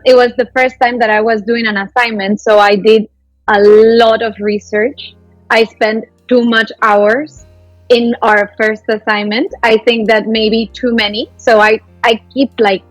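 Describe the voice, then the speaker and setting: A woman's voice: fairly high pitch, level tone, unhurried, dry recording, soft background music, poor audio. A woman from Peru, a podcast guest chatting casually and laughing often. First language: Spanish.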